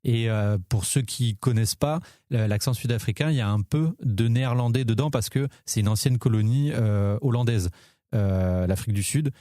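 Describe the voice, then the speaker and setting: Warm-voiced man, eager film chat. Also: medium pitch, normal speed, no room sound, clean studio sound. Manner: enthusiastic, many fillers and restarts. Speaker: podcast co-host. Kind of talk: casual film podcast chat.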